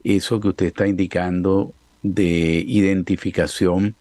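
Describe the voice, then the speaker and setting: A man interviewing a guest, building a long, measured question step by step. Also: deep voice, little pitch movement, dark tone, no echo.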